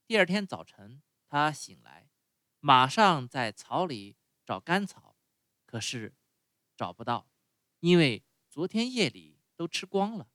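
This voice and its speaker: A man's voice: fairly high pitch, slow, dry recording. A father reading a bedtime story. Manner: expressive, speaks to the children directly.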